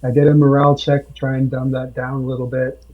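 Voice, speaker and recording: A man on a podcast, telling a tabletop game story slowly with many pauses and fillers. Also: medium pitch, completely flat delivery. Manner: slow, halting with many fillers. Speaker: podcast guest, game master. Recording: dull lo-fi sound.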